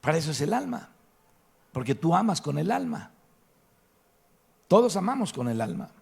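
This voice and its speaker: A man's voice: on the high side, very animated, normal speed, gravelly, darkish tone, husky. A man with a Mexican Spanish accent preaching a sermon to his congregation, emphatic and asking rhetorical questions. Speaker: pastor. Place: church hall.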